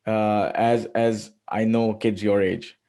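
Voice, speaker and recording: A man's voice: lowish voice, level tone, slow pace, dark tone. A middle-aged man hosting an interview, talking with enthusiasm and rambling through many filler phrases. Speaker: podcast host. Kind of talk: casual interview chat.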